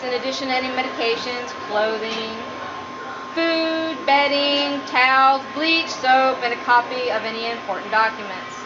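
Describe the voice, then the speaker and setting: Giggling nervously, a woman student gives a funny prepared speech. The recording is muffled and poor in quality, with clear background noise.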